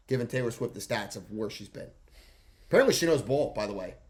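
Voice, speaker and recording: Man, mid-twenties, podcast co-host, casual banter, rambling, repeats himself, mid-pitched voice. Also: expressive, quick pace, a little mellow. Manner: rambling storyteller who repeats phrases.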